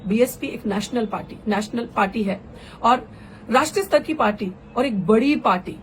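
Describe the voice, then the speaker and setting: A young woman activist speaks in an impassioned, fervent way, driving her points home with rhetorical questions. Her voice sits on the high side. A faint hiss runs under the recording. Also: moderate pace, poor audio. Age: young adult. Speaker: political activist. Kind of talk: impassioned political address.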